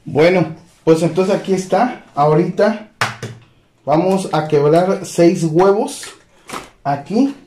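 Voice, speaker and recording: A man hosting a home cooking demonstration, talking in a relaxed way with lots of fillers as he addresses viewers as friends. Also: high voice, slow pace, long pauses. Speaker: cooking channel host. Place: home kitchen. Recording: echoey kitchen with faint noise.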